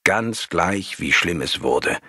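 Low, husky male audiobook reader. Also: animated, slow, bright, forceful tone, no room sound, clean studio sound. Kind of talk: scripted narration.

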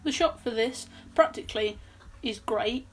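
A woman's voice: a little high, a little slow, breathy edge. A young woman recapping a horror film in a casual, chatty way with sarcastic asides, filmed in a small bedroom at her desk. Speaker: film reviewer.

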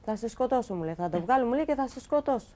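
A young woman guest on a talk show, telling her own story in an animated way and acting out the dialogue she quotes. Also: on the high side. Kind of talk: emotional personal account on a talk show.

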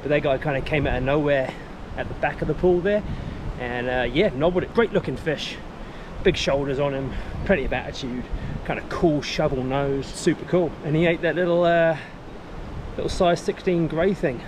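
Excitable man filming himself by a river. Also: on the high side. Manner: excitable, thinks aloud, drawn-out exclamations. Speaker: fly fishing vlogger. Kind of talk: casual self-filmed commentary. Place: outdoors by a river. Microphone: body-mounted action camera. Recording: clear river and wind noise. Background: flowing water.

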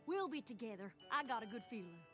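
Down-to-earth cartoon friend, plain-spoken, firm, high voice, lively pitch, music behind. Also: female voice, a little fast. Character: down-to-earth hardworking young woman, loyal friend. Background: background music.

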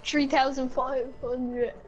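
High voice, teasing, giggly, casual gaming chat. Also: flat delivery, slow, dull audio. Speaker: gamer.

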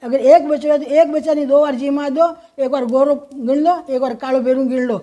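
A woman with a Rajasthani accent explaining a home ritual in a folksy, motherly way, chanting mantras slowly in a sing-song voice. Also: sits high, steady tone, warm tone, highs cut off. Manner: folksy, motherly, addresses viewers as children. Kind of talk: instructional talk with mantra chanting.

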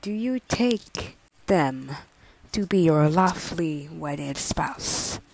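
A woman's voice: deep voice, lively intonation, slow, gravelly, a little mellow, no room sound, full character voice, poor audio. A woman voicing a weary young male priest who mumbles and hesitates in a fan audio drama. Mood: tired.

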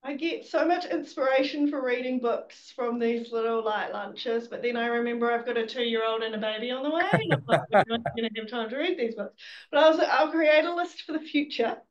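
A woman hosting a casual interview over a video call, upbeat with quick asides. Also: fairly high pitch, muffled recording. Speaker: host. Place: office room indoors.

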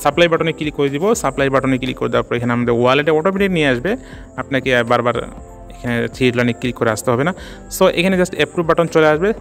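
A man narrating a casual screen-recorded tutorial, talking quickly and filling his speech with "so", "just" and "okay?" checks. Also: a little high. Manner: rapid, peppers speech with "so", "just" and "ঠিক আছে?". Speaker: crypto tutorial channel host.

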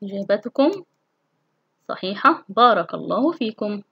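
A woman's voice: medium pitch, animated, creaky, slightly rough, lo-fi sound. A woman teacher giving a recorded recitation lesson to children, asking questions and answering them herself. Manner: recites example words slowly and carefully.

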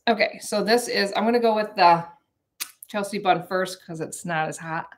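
Hosting a live cooking stream, a woman in her forties bakes in her home kitchen and chats casually and rambling with viewers. A counter camera picks up her medium-pitched voice at a moderate pace.

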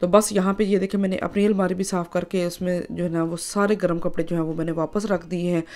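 A woman's voice: fairly low pitch, little pitch movement, fast talker, darkish tone. Chatty woman. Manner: chatty, many filler phrases. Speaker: vlogger. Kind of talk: casual vlog narration.

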